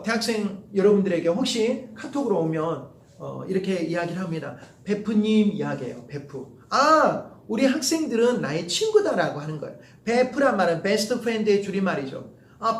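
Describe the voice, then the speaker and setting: A middle-aged man with a Jeolla Korean accent, a professor giving a lively lecture to students, repeating phrases and swinging from soft to loud. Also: high voice, echoey room.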